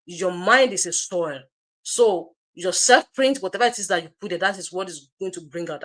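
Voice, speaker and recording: With a lowish, slightly bright voice, a woman co-hosts an online business community livestream. She gives an emphatic motivational talk aimed straight at viewers, addressing them as "you" and repeating phrases to drive her points home.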